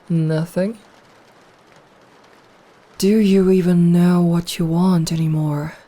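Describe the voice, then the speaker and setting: A lowish-voiced woman takes on the role of a possessive, seductive vampire in an intimate ASMR roleplay. Her delivery is breathy and soft, with a hushed, coaxing, teasing quality.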